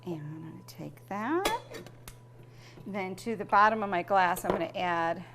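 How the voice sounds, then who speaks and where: A woman's voice: lowish voice, measured pace, noisy background. A middle-aged woman hosting a home cooking show with her family, chatting, explaining steps and laughing often. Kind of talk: casual cooking demo with family.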